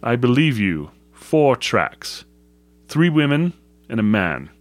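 A man's voice: medium pitch, big pitch swings, slow pace, no echo. A man voicing an old country shepherd in a storybook, with a rural English dialect and an emphatic, plain-spoken manner. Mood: ominous. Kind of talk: storybook character voice.

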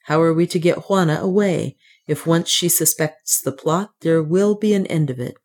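In a low, hoarse voice, a woman performs a troubled male adventurer with a protective streak during a storybook reading. She speaks at normal speed with a slightly mellow tone.

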